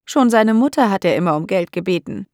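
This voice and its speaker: A woman's voice: mid-range voice, animated, a little fast, darkish tone, no echo, studio quality, lightly acted. A woman voicing a lonely, fearful elderly landlady who complains plaintively. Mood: bitter. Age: older.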